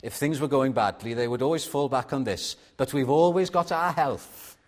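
Delivering a sermon with a mid-range voice, this man from Wales, a native Welsh speaker with a Welsh accent, takes a measured approach and puts rhetorical questions to the congregation.

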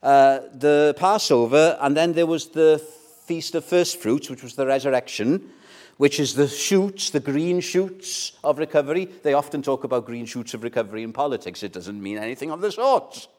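Preaching with animation at a normal speed, this older Welsh pastor speaks Welsh in a mid-range voice. His sermon feels conversational, with rhetorical questions and repeated words. The volume varies widely, building up before falling almost to a whisper.

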